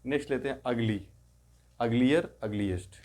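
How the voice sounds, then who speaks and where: Male tutor, patient and steady, mid-pitched voice, repeats each form slowly, explains in Hindi, says English forms aloud. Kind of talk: step-by-step grammar lesson.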